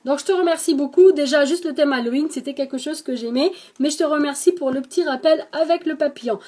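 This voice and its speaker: Speaking quickly in a high voice with a dark tone, a scrapbooking channel host with a non-native French accent does a show-and-tell of crafts sent to her. She thanks the senders chattily, hesitating often and saying "donc" a lot.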